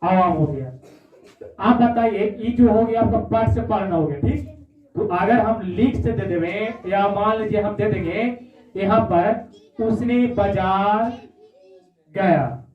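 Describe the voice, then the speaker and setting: A man's voice: sits high, takes it slowly. Male teacher, echoey and tinny. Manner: repetitive, checks in with "है ना?". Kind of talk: classroom lesson. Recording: echoey, far-off, phone-like audio.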